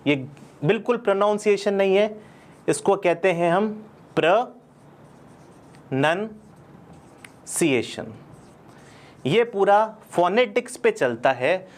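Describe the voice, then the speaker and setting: High-voiced Indian man teaching a lesson. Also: expressive, measured pace. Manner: explains step by step, asks and answers his own questions. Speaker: spoken English teacher. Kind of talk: classroom lesson in Hindi.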